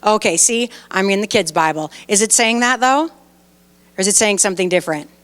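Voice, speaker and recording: A woman pastor preaching a lively sermon, retelling scripture with animated storytelling and reading aloud while chatting with her listeners. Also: mid-range voice, normal speed, long reverb tail. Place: church sanctuary.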